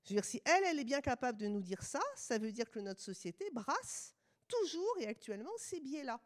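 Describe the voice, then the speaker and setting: A woman's voice: a little high, sing-song, fairly quick. A middle-aged woman from France with a French accent, giving a conference lecture with ironic asides.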